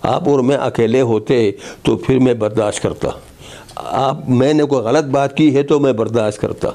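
A man voicing a proud, stubborn elected official who insistently refuses, in a slightly lowered voice. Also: moderate pace, warm tone, natural voice. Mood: defiant.

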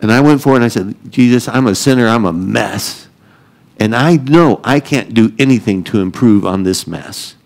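A man's voice: medium pitch, normal speed, gravelly, a little mellow, low-quality recording. A middle-aged man preaching a sermon, telling joking, self-deprecating stories and laughing often. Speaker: pastor.

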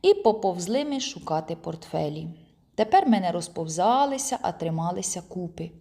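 A woman reading a children's audiobook aloud in an expressive first-person storytelling manner. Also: fairly low pitch, normal speed, vocal fry. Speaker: audiobook reader. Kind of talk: storytelling narration.

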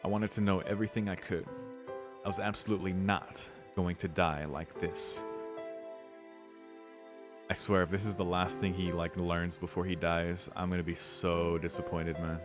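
Reading a visual novel on stream, a man speaks at a moderate pace in a low, flat voice. His casual asides between passages are laced with profanity, and game music runs underneath.

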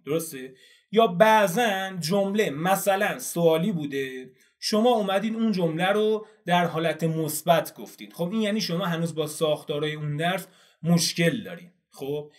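A man teaching English in a video lesson, explaining a study method step by step and answering his own questions as he goes. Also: high-pitched.

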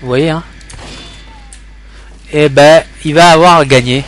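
A man's voice: on the high side, steady tone, slow. Rambling young man narrating gameplay. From France. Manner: rambling, many fillers and restarts. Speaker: gaming tutorial host. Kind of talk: casual gameplay commentary tutorial.

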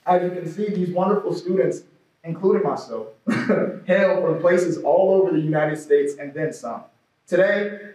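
A man's voice: fairly high pitch, darkish tone. Young man moderating, distant and echoey. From Cleveland, Ohio. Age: young adult. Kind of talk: moderating a panel.

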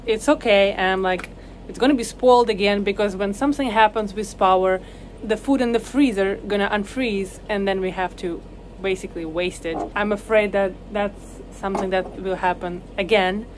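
In a rough recording with slight background noise, a young woman vlogger talks to her phone at arm's length inside a small boat cabin. Her medium-pitched voice moves at a moderate pace, lively and playful, in English that is not her native language.

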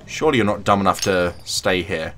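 A man's voice: low voice, fairly quick, background noise. A young man casually commentating his own gameplay, chatty and jokey, sometimes teasing the other players. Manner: chatty, jokey, taunts opponents in a sing-song voice. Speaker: gaming channel host.

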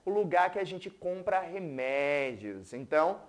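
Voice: mid-range voice, very animated, a little slow. A teacher with a Brazilian Portuguese accent gives a televised school lesson, patiently checking in with the class and having viewers repeat words. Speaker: English teacher.

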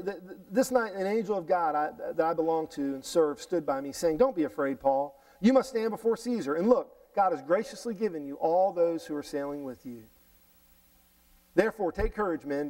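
A middle-aged man preaching from a church stage on a headset mic, with a fairly high voice. He reads scripture and talks it through in an animated way, often restarting and repeating words. The voice sounds a little distant in the room. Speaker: pastor. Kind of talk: sermon reading and explaining scripture. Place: church sanctuary stage, indoors.

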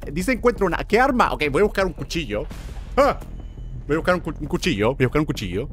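A man's voice: a little high, fast, faint music behind. A young man hosting a gaming video, joking and talking back to a horror game as he plays. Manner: excitable, jokey, talks to the game. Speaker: gamer host.

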